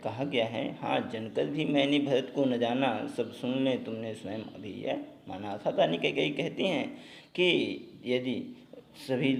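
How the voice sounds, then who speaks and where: A man's voice: mid-range voice, a little mellow. A male Hindi teacher reciting verses from a poem and then explaining them line by line, often restarting and rephrasing. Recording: echoey room, faint background noise.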